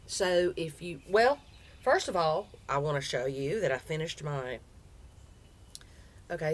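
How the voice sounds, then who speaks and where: A woman with a Southern US accent and a folksy drawl, chatting casually as a crochet vlogger. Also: deep voice. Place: outdoors on a front porch. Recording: outdoor background noise.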